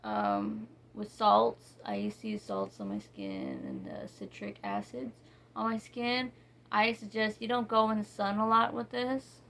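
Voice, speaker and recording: A woman casually reviewing bar soaps, reading ingredients slowly and rambling with many fillers and restarts. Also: mid-range voice, big pitch swings, vocal fry, fairly bright tone. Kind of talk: casual product review chat.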